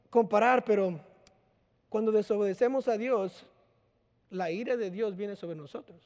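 High-voiced preacher in a reverberant hall. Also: male voice, mellow. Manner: conversational preaching with personal anecdotes and acted-out quotes. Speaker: pastor. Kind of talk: sermon.

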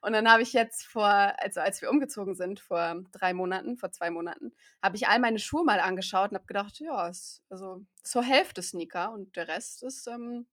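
Woman podcast host, chatty and upbeat, mid-pitched, casual interview talk. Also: normal speed, hardly any pauses, fairly bright tone.

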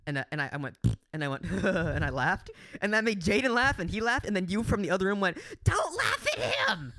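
In a dry, clean studio recording, a young co-host with a high voice talks fast while telling a story on a casual podcast. He's animated, curses heavily, and performs his own quotes.

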